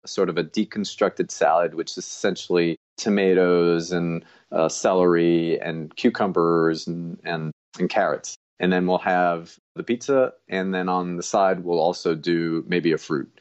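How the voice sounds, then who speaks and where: A man's voice: low-pitched, fairly even intonation, measured pace, darkish tone, lo-fi sound. A man in his fifties, originally from Colombia, chatting casually as a podcast guest, often laughing and repeating words. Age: 50s. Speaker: guest dietitian.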